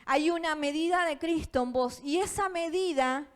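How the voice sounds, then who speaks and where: A woman's voice: high voice, moderate pace. A woman pastor with a Rioplatense Spanish accent, preaching a sermon in a church auditorium, earnest and often asking her listeners for agreement. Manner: earnest, asks the audience for agreement, laughs between points.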